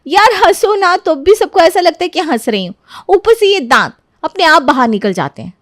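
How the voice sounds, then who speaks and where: A woman's voice: very high voice, sing-song, normal speed, no echo, studio quality, pitched above the performer's own voice. A woman voicing a cheerful young woman in a cartoon story, who talks lightly and easily. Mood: fretting. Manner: light, easygoing, pleading. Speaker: Sonia, the niece.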